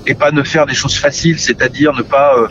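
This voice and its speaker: A man's voice: mid-range voice, steady tone, a little fast, dull audio, background noise. A middle-aged man, a musician, talks about his career and family in an interview, often stumbling and repeating words. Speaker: musician guest. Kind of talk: relaxed interview talk. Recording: music playing behind the voice.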